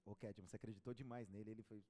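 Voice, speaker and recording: A male pastor, preaching a sermon and telling stories, animated and bantering with his congregation. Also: lowish voice, very fast. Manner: storytelling, animated, chatting with the congregation. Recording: preacher in a reverberant church hall.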